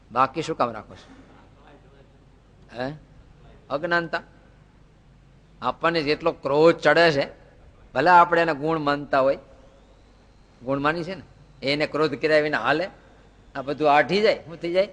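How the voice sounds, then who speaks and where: A man's voice: a little high, fairly bright tone. A man giving a devotional sermon, asking rhetorical questions and telling folksy anecdotes. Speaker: spiritual teacher. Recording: long reverb in a hall.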